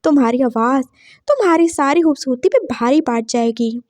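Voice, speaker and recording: A woman's voice: high-pitched, animated, normal speed, darkish tone, no echo. A woman voicing a cocky young male college student who taunts and teases in a story reading. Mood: taunting. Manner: taunting, teasing.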